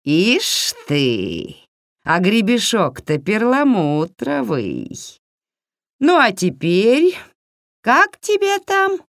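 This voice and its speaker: A woman voicing a mocking, cunning old witch in a storybook reading, with a shrill, jeering manner. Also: wildly swooping pitch, drawn-out words, no room sound, clean studio sound, heavily acted.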